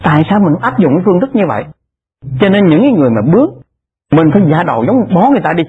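Husky man's lively dharma talk. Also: sits high, rapid-fire. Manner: animated, acts out the people in his stories. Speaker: Buddhist lay dharma speaker. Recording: tinny lo-fi phone-like recording.

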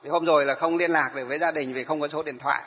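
A man's voice: on the high side, very fast, slightly rough. A man, a Buddhist monk telling a story in a sermon and asking his listeners questions. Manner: animated, addresses listeners with questions. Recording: dull reverberant hall.

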